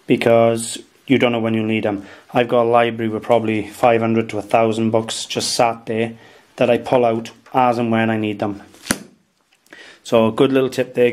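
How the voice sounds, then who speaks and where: This is a casual show-and-tell vlog by a Welsh antiques dealer and channel host in his thirties, filmed indoors in his dining room. He chats about what he bought at market, scattering "um" and "guys" through his tips, in a medium-pitched, slightly mellow voice.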